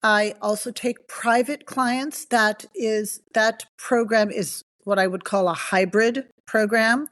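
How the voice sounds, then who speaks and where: A woman's voice: a little high, steady tone, slow, hardly any pauses, a bit bright. A middle-aged woman from the Bahamas, a nutrition coach talking as a podcast guest in an enthusiastic, chatty, storytelling way. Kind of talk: casual podcast interview.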